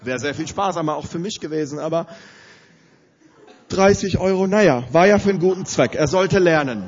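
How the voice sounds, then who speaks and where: A man with a high voice tells a funny story, animated and often breaking into laughter. His storytelling builds toward a sermon point. The recording sounds dull and lo-fi. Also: a little fast, slight background noise. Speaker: preacher.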